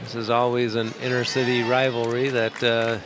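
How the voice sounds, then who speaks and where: A man's voice: mid-range voice, monotone, moderate pace. A middle-aged man giving casual, chatty, descriptive live soccer commentary outdoors. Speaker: soccer announcer. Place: outdoors at an evening soccer field. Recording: outdoor recording with crowd and noise.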